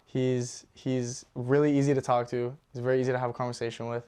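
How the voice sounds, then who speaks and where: A young man from Ontario, speaking warmly about his friends in a documentary interview. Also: medium pitch, flat delivery, a little fast, clean tone. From Ontario, Canada. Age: young adult.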